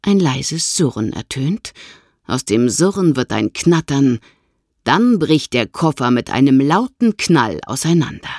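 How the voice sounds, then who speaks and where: A woman narrating a children's audiobook in an expressive storytelling manner. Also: extremely low pitch, a little slow, no echo, clean studio sound.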